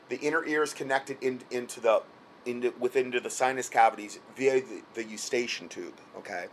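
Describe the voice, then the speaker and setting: A faint hiss or hum accompanies a man with a mid-range voice who is losing it as he hands out casual late-night advice about health products. He's repetitive, circling back over words and checking in with "okay?" again and again.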